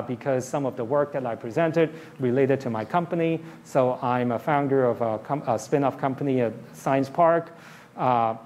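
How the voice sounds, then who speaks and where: A man giving a university talk, speaking at a middle pitch and laying out ideas plainly. He keeps pausing to ask "okay?", and he slows to a deliberate pace as he walks through a list. A faint noise sits under the lecture-hall microphone. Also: a little mellow. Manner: explains plainly, often checks in with "okay?". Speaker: professor giving a public lecture.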